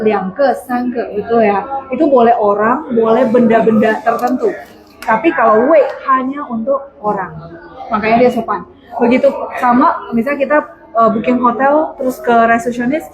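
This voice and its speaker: A fairly high-voiced woman leads a language class, slowing down to model each phrase and explaining step by step. The voices of other class members are clearly audible around her. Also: low-quality recording. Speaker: Mandarin teacher. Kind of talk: online language lesson.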